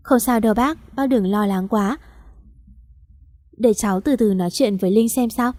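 A woman voicing a gentle, protective young man who speaks softly and reassuringly. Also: a little high, moderate pace, lightly acted.

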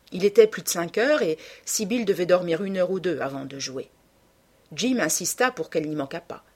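A woman narrating a classic novel as an audiobook, reading in a measured, expressive way. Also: fairly low pitch, breathy edge.

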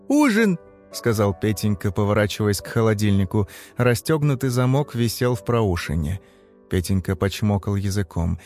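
A man giving a scripted, grim, measured narration of a dark story. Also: fairly low pitch. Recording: faint music under the voice.

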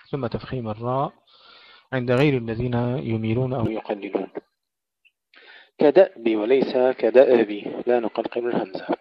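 A man's voice: medium pitch, no room sound. A man giving a recitation lesson, explaining pronunciation carefully and demonstrating sounds by saying words the right and the wrong way. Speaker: Quran recitation teacher. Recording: dull lo-fi recording.

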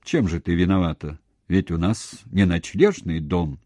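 A man's voice: low-pitched, animated, measured pace, warm tone, no echo. A man voicing a weary middle-aged hospital chief in an audiobook, terse and restrained, close to his own voice.

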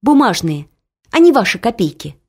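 A woman reading the lines of a timid, squeaky young mother in an audiobook story. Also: very animated, moderate pace, darkish tone, breathy edge. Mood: indignant. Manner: squeaky, meek yet stubborn.

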